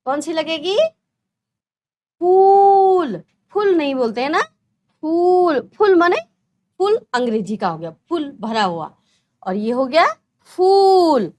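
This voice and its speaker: A woman teaching a first-grade language lesson, drawing out single words slowly in a sing-song way for young children. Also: high-pitched. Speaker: primary school teacher.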